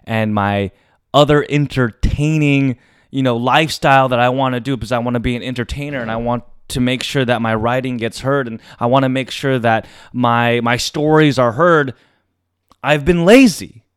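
A man hosting a solo confessional podcast, speaking to listeners in a theatrical showman's manner with emphatic, dramatic pauses. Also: mid-range voice, steady tone, clean tone, dry recording, studio quality. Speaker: podcast host.

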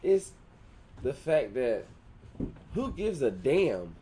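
A man's voice: mid-range voice, sing-song, slow, mellow, a little hiss or hum. Profane joking man co-hosting a podcast. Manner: profane, joking, breaks into goofy voices. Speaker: podcast co-host. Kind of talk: rowdy casual chat.

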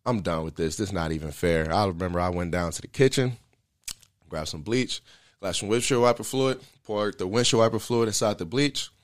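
A man's voice: low voice, brisk. A man candidly telling a personal story in a casual interview, earnest and slangy, with loose fillers.

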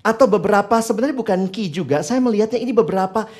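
Preaching from the Bible, a man questions his audience, drops in English phrases, and alternates between forceful emphasis and hushed asides. His voice sits high and sounds animated, and he speaks fast.

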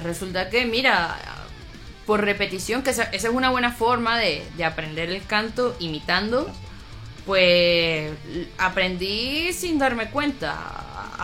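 A woman's voice: medium pitch, bright, forceful tone. A woman from Venezuela, a metal vocalist, answering interview questions in a reflective, casual way with frequent restarts. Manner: reflective, many restarts and fillers. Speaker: metal band vocalist, guest.

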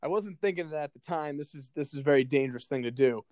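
A young man co-hosts a casual podcast with a slightly higher-pitched voice. He tells stories in a loose, rambling way and swears offhandedly. The sound is dry and close to the mic. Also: quick pace, a little mellow, no echo. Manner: laid-back storyteller, swears casually. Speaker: podcast co-host.

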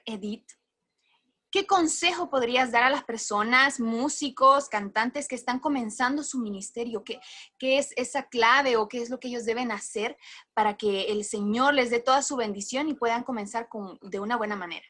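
Woman hosting a faith show, quotes the bible, bit high voice. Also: normal speed, bright, forceful tone. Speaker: host.

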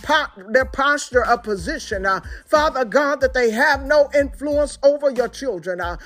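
A woman's voice: high-pitched, expressive, normal speed, fairly bright tone, faint music behind. A woman leading a fervent spoken prayer in a chanting cadence, starting many phrases with "uh". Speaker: prayer leader.

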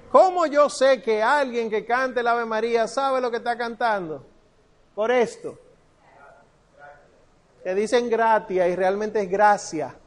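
Male Latin teacher, high pitch, slow and patient explanations. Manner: patient, explanatory, drawls the Latin prayer words. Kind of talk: classroom lesson.

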